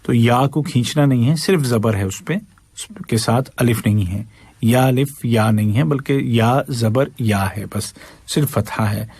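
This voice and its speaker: A man teaching Quran recitation, patiently explaining pronunciation rules and demonstrating each verse in a slow, drawn-out chant. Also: mid-range voice, darkish tone, slightly rough, dry recording.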